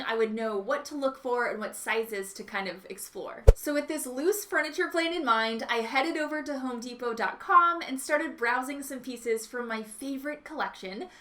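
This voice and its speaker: A woman's voice: sits high, sharp tone. A woman hosting a home makeover vlog with upbeat, enthusiastic, gushing DIY narration.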